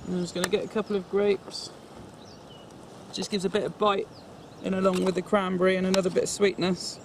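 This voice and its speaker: High, even-toned man cooking outdoors. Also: fairly quick. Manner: chatty, instructive, talks through each step as he works. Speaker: cook demonstrating camp recipes. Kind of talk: step-by-step cooking demonstration. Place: outdoors at a fishing lake. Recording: noisy outdoor recording.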